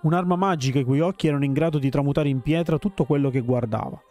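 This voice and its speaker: A man reading a dark game story aloud in a measured, grave storytelling manner. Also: fairly high pitch, faint music behind. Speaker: let's player reading story text.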